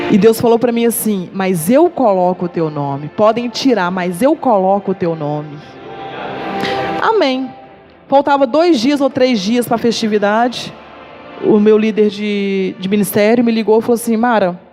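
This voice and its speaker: A woman's voice: on the high side, a little mellow. A woman giving a testimony to a church congregation, telling her story vividly and acting out the dialogue she quotes. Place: church service.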